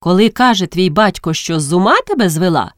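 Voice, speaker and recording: A woman's voice: lowish voice, expressive, a little fast, dry recording, clean studio sound, natural voice. A woman voicing a spirited young village girl who boasts playfully in a read-aloud story. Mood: boastful.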